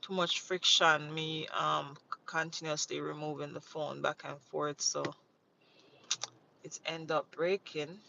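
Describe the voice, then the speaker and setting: This livestream host from Jamaica has a low, gravelly yet bright voice, slow and level in tone, and forceful. She greets viewers from inside a vehicle, rambling and repeating herself in easy chat. The sound, captured by a phone on the dashboard, is lo-fi with a little hiss or hum.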